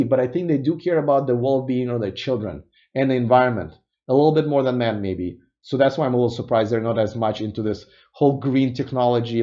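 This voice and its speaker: A man's voice: medium pitch, dark tone, muffled recording. Casual Russian-born man reading viewer comments. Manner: casual and thinking aloud, with many restarts and musing asides. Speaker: host of an electric car news show. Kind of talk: live-stream chat, reading viewer comments.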